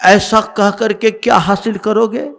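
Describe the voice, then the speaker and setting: A man preaching a sermon as a monk, emphatic, with rhythmic slogans and sudden drops to quiet. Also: high voice, flat delivery, measured pace, vocal fry. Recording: long hall reverb.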